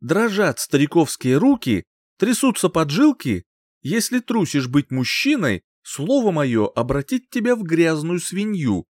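A man voicing a boastful, hot-tempered young rival who boasts and rages in a shrill tone. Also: sing-song, no echo, clean studio sound. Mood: furious. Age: young adult. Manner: boastful, shrill, quick to rage.

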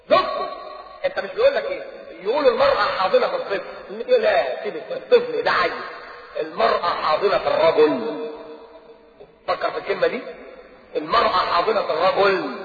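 A man with an Egyptian Arabic accent preaching a lively colloquial sermon, joking and mimicking voices as he talks. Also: high-pitched. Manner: animated, mimics voices, jokes with audience. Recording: distant echoey hall, muffled old tape.

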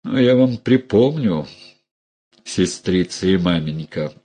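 A man's voice: sits low, animated, slow pace, warm tone, husky, heavily acted. A man voicing a hard, spiteful young woman who answers defiantly in an audiobook. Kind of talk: audiobook character voice.

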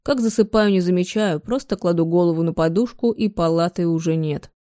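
A woman reading a romance novel aloud in the first person, in an even, measured way. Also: lowish voice, no room sound, clean studio sound. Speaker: audiobook narrator.

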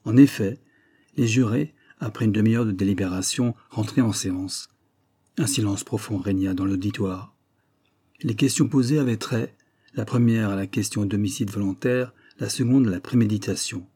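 Guy reading an old novel, steady pace, lowish pitch, dark mellow tone. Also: moderate pace, slightly rough. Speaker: audiobook reader. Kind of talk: scripted narration of a classic novel.

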